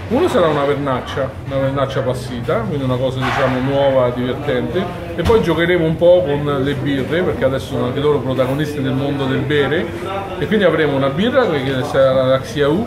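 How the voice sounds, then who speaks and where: In a busy restaurant kitchen mid-service, a man in his forties from Umbria, Italy, speaks on camera about his work as a chef, going into detail with frequent fillers and restarts. His voice is medium in pitch, and the low-quality recording carries kitchen noise behind him.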